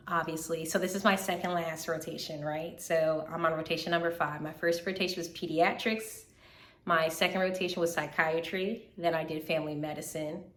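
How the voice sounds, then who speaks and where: A young woman talks through a casual vlog update with an animated, repetitive storytelling style. Her voice sits a little low and sounds slightly hoarse. The room around her is noticeably echoey. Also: a little hiss or hum. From Southern United States. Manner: chatty, animated storytelling, repeats phrases for emphasis. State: slightly hoarse from recent illness. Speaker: third-year medical student vlogger.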